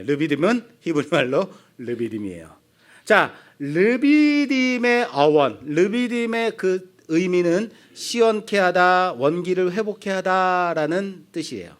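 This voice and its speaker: A man's voice: sits high, a little slow. A middle-aged man preaching an expository sermon as pastor, with a Seoul accent, asking the congregation questions and acting out the people he quotes. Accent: Seoul Korean. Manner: animated, acts out quoted voices of people; asks the congregation questions and answers them.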